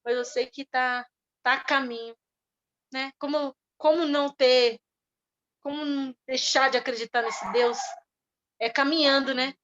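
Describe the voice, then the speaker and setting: A middle-aged woman with a Brazilian Portuguese accent giving an earnest personal testimony at church, speaking softly with pauses and restarts. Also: high voice, fairly even intonation. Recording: dull lo-fi sound.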